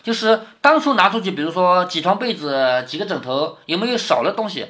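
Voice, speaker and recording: A man's voice: high voice, animated, a little fast, pushed and bright. A man reading a classic novel to his daughter, stopping often to explain and to ask rhetorical questions. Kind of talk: reading aloud with commentary.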